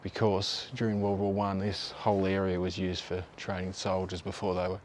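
Speaking at a moderate pace, this Australian man in his thirties hosts local history videos from Tasmania, presenting to camera outdoors by a river and on park paths. His low voice carries an easy, offhand, conversational manner, with faint outdoor hiss in the background.

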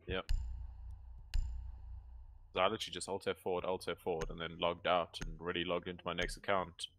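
A man's voice: sits low, completely flat delivery, a little fast, fairly bright tone. A man giving short, practical callouts to teammates in a shooter game. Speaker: gamer in voice chat. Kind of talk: casual gaming chat. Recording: voice chat over gunfire noise.

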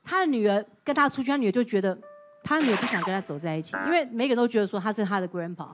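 Fast-talking woman telling an animated story. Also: medium pitch. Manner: animated storyteller who acts out quoted dialogue; mixes English words into her speech. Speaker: talk show guest. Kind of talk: casual chat, personal storytelling. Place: TV studio. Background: background music.

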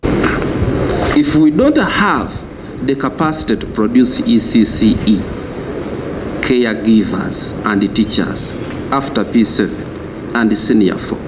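Man at a committee desk mic, emphatic and halting, noisy room. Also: mid-range voice, lively intonation. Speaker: association chairperson petitioning. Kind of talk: formal address to a committee. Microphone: desk microphone.

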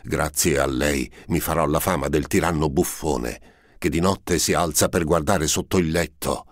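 A man voicing a proud, vindictive prince who is quick to rage, in a haughty, scheming tone that bursts into shouting, read for an audiobook. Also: rumbling low, no echo, clean studio sound. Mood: brooding. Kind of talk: audiobook character reading.

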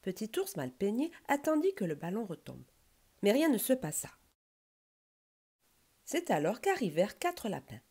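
A woman reading a children's bedtime story aloud in a gentle, expressive way. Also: medium pitch, normal speed, pauses often.

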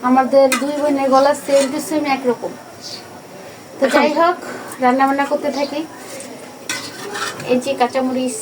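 Chatty high-voiced woman vlogging at home. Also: fairly even intonation, normal speed, pauses often, background noise. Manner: chatty, addresses viewers directly. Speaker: cooking vlogger. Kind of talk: casual vlog narration. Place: home kitchen.

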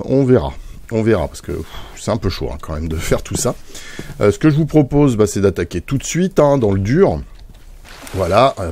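A man hosting a gaming video, giving casual, chatty commentary as he builds. He talks playfully and fills pauses with little mouth sound effects. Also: medium pitch, mellow.

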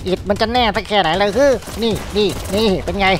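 A man voicing a fed-up adult male neighbor who rants and yelps irritably while playing a game, over loud music. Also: sits high, quick pace, background noise, natural voice. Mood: annoyed. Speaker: game player. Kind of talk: comedic let's-play commentary.

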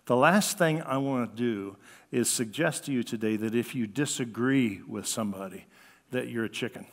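Standing at a lectern in a church sanctuary, an older American man delivers a conversational sermon at normal speed. His middle-pitched voice rings with the hall's long reverb. He's animated and slips into the voices of the people he quotes.

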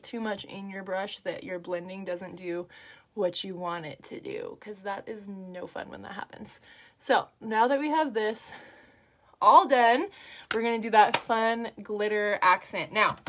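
A woman's voice: medium pitch, fairly bright tone. A woman talking through a makeup tutorial in a chatty, upbeat way, with lots of fillers as she works. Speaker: makeup artist.

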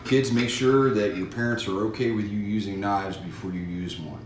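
This middle-aged man, a fire safety educator, speaks at a moderate pace with a fairly low pitch and fairly even intonation. He's demonstrating cooking in a home kitchen, offering folksy safety tips to kids and parents. Recorded by a far-off camera mic, the sound is echoey and noisy.

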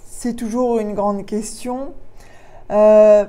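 A woman's voice: medium pitch, fairly even intonation, drawn-out words, warm tone. A woman giving a museum lecture on art history, hesitant, with many fillers and restarts.

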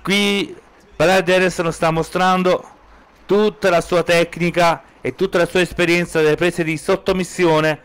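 An Italian man giving excited live play-by-play wrestling commentary as a commentator, urgent and exclamatory, stretching out stressed words. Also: sits high, clean tone. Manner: urgent, exclamatory, drawn-out stressed words, rising to shouts at key moments.

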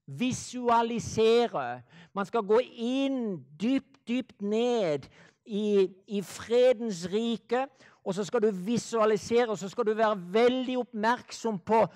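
A man preaching a sermon to a live audience. He speaks slowly and deliberately, repeats phrases for effect, and sometimes drops to a hush. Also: very high voice.

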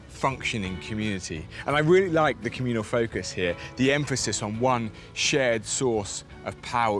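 A man's voice: mid-range voice, a bit bright. Eager, curious male TV presenter. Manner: inquisitive, enthusiastic. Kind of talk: presenting and interviewing. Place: building site and show flat.

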